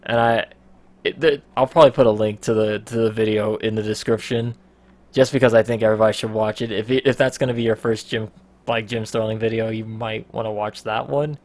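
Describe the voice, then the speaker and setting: A man's voice: on the low side, steady tone, a little fast, darkish tone. A man hosts a casual podcast in an easygoing, rambling way. He swears freely and laughs often as he talks. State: out of breath. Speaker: podcast host.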